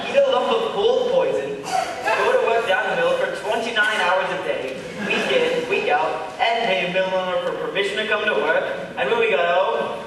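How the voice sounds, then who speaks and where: A man on stage playing an old man who tops every hardship story with deadpan exaggeration. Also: sits high, close to an everyday voice. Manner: deadpan one-upmanship. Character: boastful old man topping hardship stories. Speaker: amateur stage actor. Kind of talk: stage comedy sketch. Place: hall stage. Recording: echoey hall from far off, with noise.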